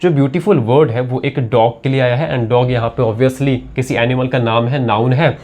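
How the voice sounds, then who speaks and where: A man gives a grammar lesson in a medium-pitched voice. He talks his students through each point, repeats the key words and asks questions that he answers himself. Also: fairly even intonation, normal speed, darkish tone. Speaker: English grammar teacher. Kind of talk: classroom lesson explanation.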